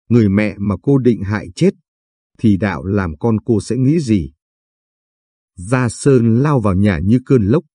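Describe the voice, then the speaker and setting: A man narrating a story in a steady, measured way. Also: lowish voice, breathy edge, no echo, studio quality.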